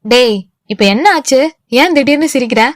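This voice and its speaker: A woman's voice: high voice, normal speed, no room sound, clean studio sound, close to an everyday voice. A woman voicing a young man who is a friend, asking brash questions. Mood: eager. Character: young man, teasing buddy.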